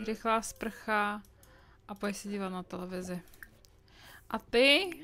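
A woman with a Czech accent giving casual let's play commentary, chatting to her game characters with sudden loud outbursts. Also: mid-range voice. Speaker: gaming streamer.

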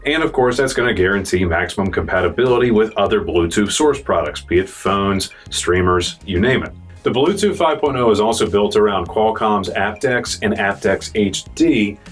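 A young American man with a fairly low, husky voice reviews a product in an informal, salesy style, calling his viewers "guys." He's recording in an indoor showroom studio with a dark backdrop.

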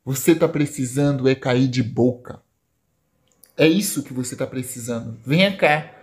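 A woman's voice: rumbling low, normal speed, a little mellow, voice pushed down. A woman with a Brazilian accent voicing a scheming, menacing young man in a soap plot retelling.

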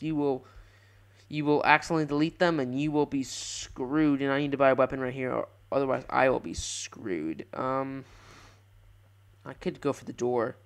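A young man giving rambling, excitable live commentary over his own gameplay, often restarting his sentences. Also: fairly high pitch, clear, resonant tone. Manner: rambling, self-correcting, excitable. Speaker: gaming channel host.

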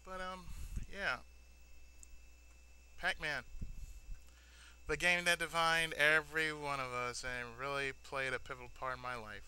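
On the high side and delivered flatly, this man's voice is a little slow, pauses often and has a sharp edge. He hosts a gaming video with casual let's-play talk that rambles sentimentally and repeats itself. The recording is noisy, with arcade-style game sounds behind his voice.

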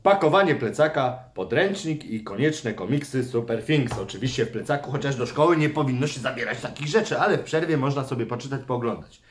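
A man's voice: mid-range voice, lively intonation, fairly quick, hardly any pauses. A man, a father hosting a casual toy unboxing with his son, chatty and teasing, reading a comic aloud. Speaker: father and channel host.

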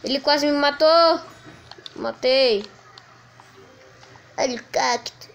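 A woman with a Brazilian Portuguese accent giving let's play commentary, excitedly yelling at the enemies on screen. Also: sits high, slow. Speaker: gaming channel host.

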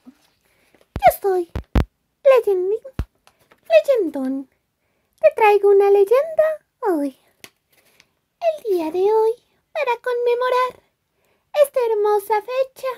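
An eager little puppet storyteller, with a very high, squeaky voice and a giggly, slightly whiny way of talking. He speaks slowly, lingering on each phrase. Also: mellow, exaggerated voice. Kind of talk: children's puppet show.

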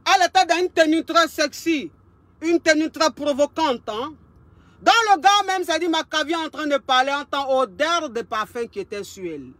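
A woman relationship coach, telling a story in a lively way and repeating phrases for emphasis. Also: sits high, moderate pace, no room sound. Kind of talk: casual storytelling monologue.

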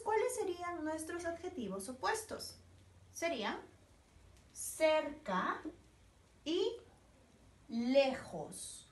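Lively high-voiced woman teaching slowly. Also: roomy sound, distant mic. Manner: animated, singsong teacher voice, repeats words for children. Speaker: English teacher for young children. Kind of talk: bilingual lesson, slow and drilled repetition.

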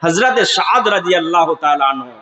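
A man's voice: a little high, expressive, a little fast. A male preacher giving an impassioned sermon, asking the crowd questions and breaking into sung chanting of Arabic verses. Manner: impassioned, slips into sung chanting and shouted climaxes; asks the audience call-and-response questions.

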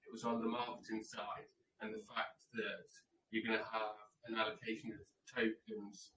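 A man asking questions in a casual online chat, halting and hesitant. His voice sounds muffled and hollow, as if he is inside a fishbowl. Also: fairly low pitch, little pitch movement, fairly bright tone, reverberant. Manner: hesitant, halting, with many fillers. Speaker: interviewer asking a project team questions. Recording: muffled distant mic.

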